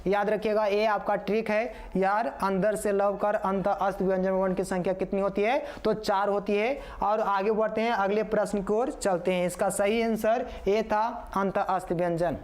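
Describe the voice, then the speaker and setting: A man's voice: high voice, little pitch movement, normal speed, few pauses. A man teaching a live online grammar lesson. He repeats answers over and over, calls the viewers "yaar" and reads out their comment answers.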